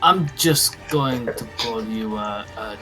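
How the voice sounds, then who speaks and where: A man playing a tabletop role-playing game, bantering casually in and out of character in a blunt, halting, joking way. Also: fairly low pitch, over music.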